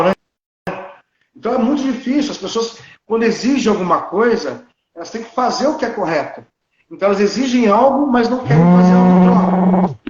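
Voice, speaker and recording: A man in his late thirties with a fairly high voice talks in a blunt, opinionated way, clearly sure of his views. He is from Brazil and speaks as a working dentist. The sound is dull and lo-fi, in an echoey room. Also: a little mellow. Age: 30s. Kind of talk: casual conversation.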